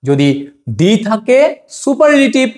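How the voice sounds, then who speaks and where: Man teaching with a lively high voice. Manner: asks the class a question and answers it himself; stretches out the example words slowly. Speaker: English grammar teacher. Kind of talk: classroom lesson.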